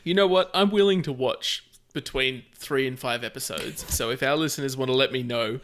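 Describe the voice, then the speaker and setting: A man's voice: mid-range voice, brisk, fairly bright tone. A man hosting a podcast in easygoing, chatty talk, leading the wrap-up of the show. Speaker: podcast host. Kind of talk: casual podcast chat.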